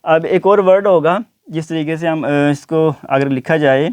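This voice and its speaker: High-voiced man slowly teaching pronunciation. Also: steady tone, darkish tone, smooth, no echo. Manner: slow, repeats each word several times, many fillers. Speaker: English teacher. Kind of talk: classroom lesson explaining pronunciation.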